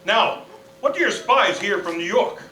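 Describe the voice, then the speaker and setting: Man as blustering, high-pitched general. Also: expressive, a little slow, bright, forceful tone, heavily acted. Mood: exasperated. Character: blustering, exasperated commanding general, comically cranky. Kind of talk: comic stage radio play. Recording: echoey, distant, faint noise.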